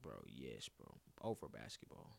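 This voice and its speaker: With an extremely low, fry-heavy voice at normal speed and no room sound, a young man tells a casual story. His delivery is animated and slangy, broken up by laughter as he voices other people's lines.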